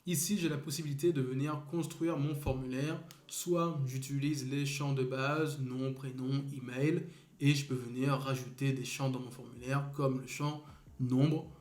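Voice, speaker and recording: A young man talks through a screen-recorded website tutorial, describing each click step by step. His voice sits at a middle pitch and carries an echoey room sound. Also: steady tone, a little slow, a little mellow. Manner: step-by-step, talks while clicking, corrects small slips. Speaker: web design instructor.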